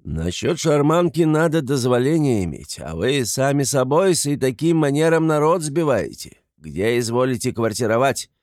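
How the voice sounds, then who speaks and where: A man's voice: mid-range voice, very animated, moderate pace, few pauses, darkish tone, no room sound, clean studio sound, pitched above the performer's own voice, lightly acted. A man reading an audiobook, voicing a stiff, officious police constable. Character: pompous petty police constable, gruff and officious.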